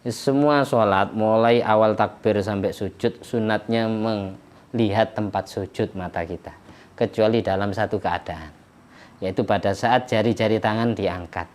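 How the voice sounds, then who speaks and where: A man's voice: fairly low pitch, darkish tone. A man, an Islamic preacher, explaining worship practice plainly and chanting verses in Arabic during a religious study lecture.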